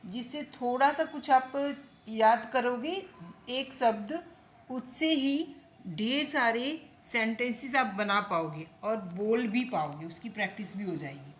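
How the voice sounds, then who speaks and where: A woman from India, teaching English phrases slowly and patiently, repeating each phrase and quizzing the listener with questions. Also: on the high side. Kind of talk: slow classroom-style explanation.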